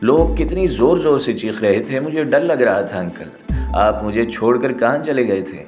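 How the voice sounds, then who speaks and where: A man reading a frightened young girl's lines in an audio story, in a soft, pleading voice, with soft music underneath. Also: mid-range voice, expressive, voice pushed up, natural voice. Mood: scared. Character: young girl, innocent and frightened.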